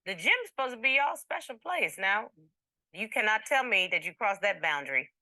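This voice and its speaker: A woman's voice: medium pitch, big pitch swings, normal speed, sharp tone, dry recording. A woman presiding as a TV court judge, questioning and admonishing in an authoritative, direct way with some playful teasing.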